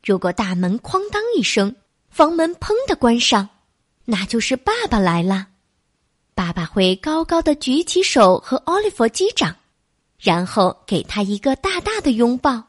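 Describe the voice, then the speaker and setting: A woman narrating a children's bedtime story in a soft, coaxing way, calling the listener baby. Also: on the high side, no room sound, studio quality.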